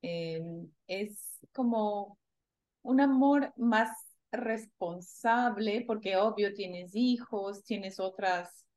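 A woman from Ecuador in her forties, a guest in a casual chat, talking thoughtfully with pauses and fillers. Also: mid-range voice, a little mellow, rough recording.

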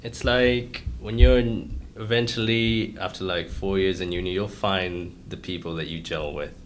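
A young man chatting casually on a podcast, relaxed, with many fillers and laughs. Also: low-pitched, normal speed, a little hiss or hum. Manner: relaxed, filler-heavy, laughs mid-sentence. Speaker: podcast co-host. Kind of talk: casual chat.

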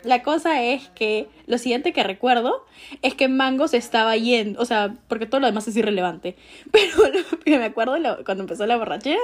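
A woman's voice: on the high side, lively intonation, brisk. A young woman with a Peruvian Spanish accent, telling a story in casual chat and laughing often.

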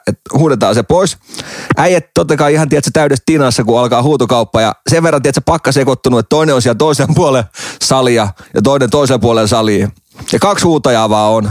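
A man's voice: medium pitch, no echo, clean studio sound. A man hosting a podcast in casual chat, rambling through joking stories and laughing often. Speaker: podcast co-host.

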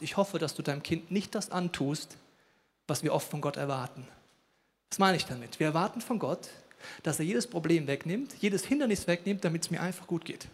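A man preaching a lively sermon at a church service, telling stories and acting out the voices of the people in them. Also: a little high. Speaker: pastor. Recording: long hall reverb.

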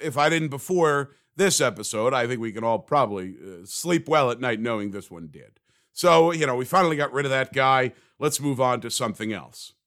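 A man's voice: medium pitch, a bit bright. A man hosting a comedic solo podcast, talking in a sarcastic, rambling, self-mocking way. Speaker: podcast host.

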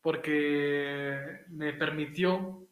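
A man's voice: on the high side, steady tone, extremely slow. A man from Nuevo León with a northern Mexican accent, chatting casually and jokingly as an interview guest in colloquial, slangy speech. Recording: echoey room sound.

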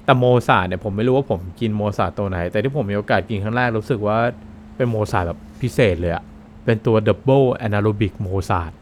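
A man's voice: lowish voice, fast talker, a little hiss or hum. A man co-hosting a casual podcast, talking in a chatty, easygoing way and laughing often. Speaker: podcast co-host explaining coffee.

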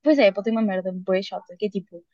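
A young woman with a European Portuguese accent telling a story in casual chat, rushing through it with lots of fillers and slang. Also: mid-range voice, a little mellow, dry recording, dull audio. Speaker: podcast co-host.

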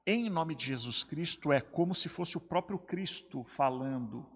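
A husky, slightly high male voice preaches in conversation, leaning hard on repeated phrases for emphasis. The sound carries a long reverb tail, as if recorded in a big echoing space. He talks like a pastor explaining doctrine to a co-host. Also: animated, normal speed. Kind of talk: preaching in a two-man discussion.

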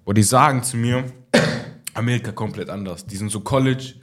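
A man's voice: lowish voice, normal speed, fairly bright tone. A young man chatting casually on a podcast, rambling in slang and acting out quotes. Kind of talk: casual chat.

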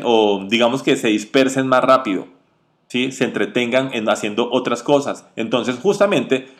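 A man coaching salespeople in an instructional episode, emphatic and repetitive, swinging between loud and soft delivery. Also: medium pitch.

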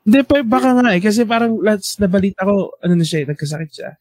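A man's voice: sits high, animated, fast, a little mellow, no room sound. A man, telling school stories in a casual chat and animatedly voicing the people he quotes.

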